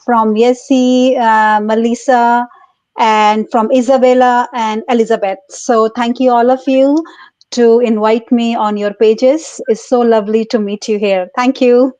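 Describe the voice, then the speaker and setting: Guest from India: woman, higher voice, dry and a bit dull, polite and unhurried. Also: level tone, no room sound. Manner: polite, unhurried, warm greetings. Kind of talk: interview answers.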